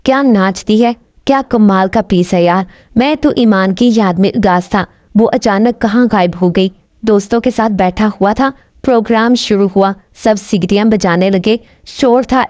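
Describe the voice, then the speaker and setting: A woman narrating an emotional first-person story in a steady, feeling reading. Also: medium pitch, no room sound. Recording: dull, dry recording.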